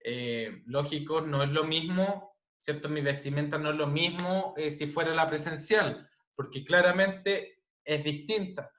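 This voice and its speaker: Loud Chilean man teaching, roomy dull audio. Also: fairly high pitch, a little slow, few pauses. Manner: loud, frequent "¿cierto?" tag questions. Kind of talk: online class lecture.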